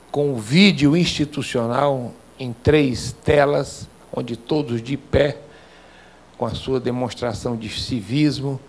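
A man's voice: mid-range voice, darkish tone. An older man with a Brazilian accent gives a formal, emphatic address to club members, speaking into a handheld microphone in an indoor lecture hall. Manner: slow, emphatic, civic exhortation with rising intensity.

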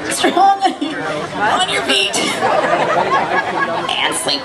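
A high-voiced woman works an outdoor stage as a comedy hypnotist, with theatrical, repeated commands and counting. Her amplified voice is picked up from far off, with a very loud crowd around it. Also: wildly swooping pitch, extremely slow. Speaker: stage hypnotist and show host. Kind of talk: comedy stage hypnosis show patter to audience. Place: outdoor open-air amusement park stage. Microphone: handheld microphone through PA, recorded by distant camera. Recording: noisy crowd, distant PA outdoors. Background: loud crowd noise and laughter.

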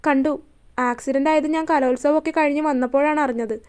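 A woman's voice: high-pitched, steady tone, fast, darkish tone, close to an everyday voice. A woman voicing a serious young teacher. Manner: grave and earnest.

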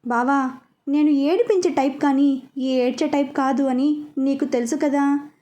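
Woman playing a carefree joking young man, high and soft, in a storybook reading. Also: fairly even intonation, measured pace. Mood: offhand. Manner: cool, teasing, offhand.

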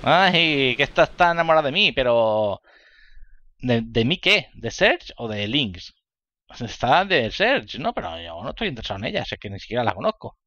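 A man's voice: mid-range voice, sing-song, normal speed, no echo, muffled recording. A man commenting casually on a video game, rambling and thinking aloud, laughing often. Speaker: let's play gamer. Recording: game music loud underneath. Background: game music.

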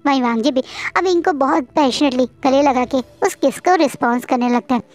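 A woman's voice: sits high, fairly quick. A woman narrating fan fiction in a dramatic, emotional storytelling manner. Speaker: fanfiction narrator.

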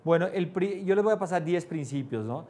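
A man's voice: expressive, fairly quick. A man teaching a live class to a small audience, often asking "¿no?" and raising or dropping his voice to stress points. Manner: varies pitch and loudness for emphasis, asks "¿no?" often. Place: class room with air conditioning.

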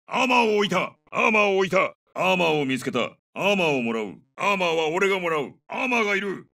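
A man's voice: fairly high pitch, sharp tone, distant mic. A man voicing a terse, battle-hardened special forces captain who calls out short, urgent tactical lines in a military shooter game. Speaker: soldier calling out combat voicelines.

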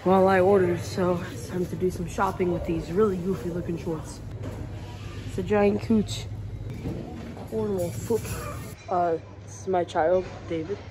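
Woman chatting to her camera on a trip, goofy and laid back, talks slow, lots of street noise behind. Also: lowish voice, steady tone. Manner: playful, jokey, mock-epic asides. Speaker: vlogger. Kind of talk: casual travel vlog narration. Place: outdoors and in a car, on a trip. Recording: noisy outdoor vlog audio.

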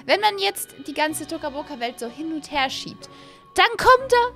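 A gaming channel host in her twenties gives excitable, gushing let's-play commentary for her viewers, peppering it with English words. Her voice is high-pitched with some vocal fry, at a moderate pace. She's in a small indoor home gaming room, captured close on an arm-mounted desk mic with a headset, and music plays in the background.

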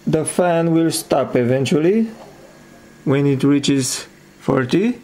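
Presenting an electronics project, a man gives an informal hands-on demonstration in halting, hesitant phrases. His voice is a little high, expressive and warm.

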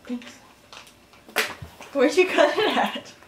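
A woman's voice: sits high, lively intonation, slow pace. A young woman with hiccups, bantering back with sarcastic, giggly comebacks in a casual vlog. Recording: echoey room with noise.

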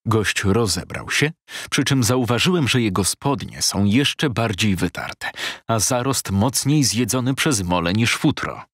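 A man reading a novel aloud in first person, in a measured storytelling manner, as an audiobook reader in a studio. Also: on the low side, lively intonation, fairly bright tone, breathy edge, no room sound.

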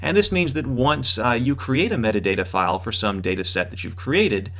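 A man in his thirties, working as a course instructor, gives an explanatory lecture in a hesitant, halting way, repeating points for emphasis. His voice is medium in pitch, expressive, and fairly bright.

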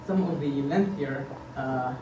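An earnest board candidate, a man in his thirties from Egypt, gives his campaign presentation at a podium indoors, stumbling with frequent fillers. His voice is medium-pitched and measured. Recorded from afar by a camera, the audio carries room echo and hiss.

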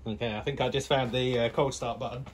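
A man chats casually outdoors as he works on a tractor, his voice sitting at a middling pitch. He talks half to himself, hopeful, with excited bursts. Faint outdoor ambience hums behind him. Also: quick pace, noisy background. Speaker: vlogger restoring an old tractor. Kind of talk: casual commentary while working. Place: outdoors beside an overgrown tractor.

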